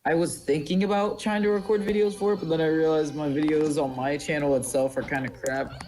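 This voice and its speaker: A man's voice: fairly high pitch, steady tone, a little mellow. A young man chatting casually over a game, blunt and swearing now and then. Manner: blunt, swears, quick to shut others down. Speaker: guest co-commentator. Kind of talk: casual gameplay chat.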